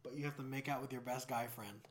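A man's voice: medium pitch, fairly even intonation, fast talker. A man co-hosting a podcast, teasing his friends with crude, slangy banter. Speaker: podcast co-host. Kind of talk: casual chat.

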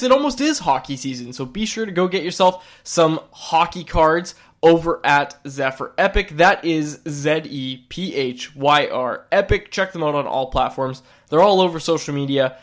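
A man with a stuffy, nasal voice from a lingering cold talks in an eager, fast podcast chat. His voice sits a bit above the usual male range, and he often restarts his sentences as he gets excited. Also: on the high side. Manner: quick, excitable, trailing restarts. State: sick, recovering from a cold. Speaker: podcast co-host. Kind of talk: casual sports podcast chat.

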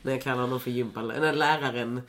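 A woman's voice: rumbling low, steady tone, fairly bright tone, a little hiss or hum. A young woman in casual chat as a podcast guest, rambling with many fillers and swearing freely.

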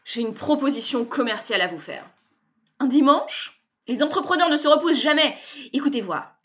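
A woman voicing a brash, over-familiar male salesman who makes a loud, gushing pitch in a storybook reading. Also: animated, moderate pace. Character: brash pushy male salesman, fast-talking schemer.

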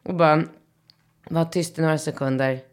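A woman in her thirties, co-hosting a casual podcast, telling a story in a giggly, animated way and swearing freely. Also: low-pitched, smooth. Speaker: podcast co-host. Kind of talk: casual chat, anecdote telling.

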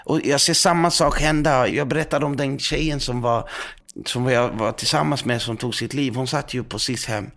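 A man's voice: medium pitch, steady tone, a bit bright. A man who is a preacher, telling a story in conversation in an earnest, dramatic way with many fillers.

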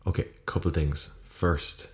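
A man's voice: deep voice, fairly even intonation, a little slow. A young Irish man hosting a solo podcast in a casual, rambling, sweary way, recorded on a podcast microphone in an echoey room. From Ireland. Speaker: podcast host. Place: small room, indoors. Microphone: USB podcast microphone. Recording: echoey room with poor acoustics.

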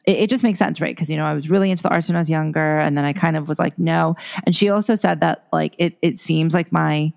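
A young woman co-hosting a casual chat podcast in Los Angeles talks quickly in a low, creaky, darkish voice with few pauses. She rambles, with many fillers and restarts.

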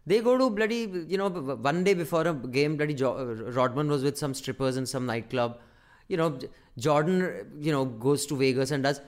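A man's voice: mid-range voice, a little fast. A man with a North Indian accent chatting casually and emphatically as a podcast co-host, swearing freely. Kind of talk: casual opinionated chat.

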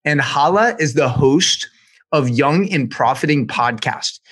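A man hosting a podcast, speaking in an energetic, motivational way as he introduces a guest and opens the interview. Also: fairly high pitch, unhurried, slightly rough. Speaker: podcast host.

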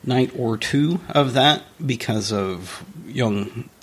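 A man's voice: mid-range voice, takes it slowly, husky. A man co-hosting a casual podcast with dry, self-deprecating jokes and comic banter. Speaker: podcast co-host.

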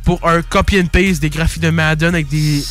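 A young man with a Québécois accent hosting a casual sports podcast, excitable and slangy, swearing freely. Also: a little high, brisk, faint music behind. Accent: Québécois French. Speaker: podcast host.

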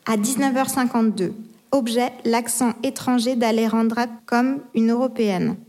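Woman flatly reading out email dates and subjects, voice a bit high. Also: moderate pace. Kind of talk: announcing email headers.

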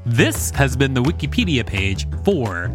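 A male podcast co-host reads an encyclopedia article aloud, mixing in casual banter with a wry, conversational manner. His mid-range voice swings widely in pitch at a measured pace, with music in the background.

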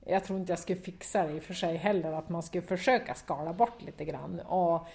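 A woman's voice: on the low side, creaky, darkish tone. Woman with a broad northern Swedish dialect. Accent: Västerbotten Swedish dialect. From Skellefteå area, northern Sweden. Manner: hesitant, many fillers, laughs often. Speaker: football pundit, former player. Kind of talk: casual interview answers.

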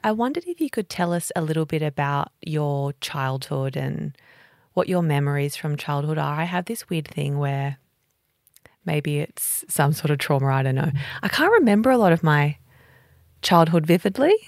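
A woman's voice: deep voice, lively intonation, normal speed, darkish tone, dry recording, clean studio sound. An Australian woman hosting a casual interview, chatty and asking follow-up questions. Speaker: interview host.

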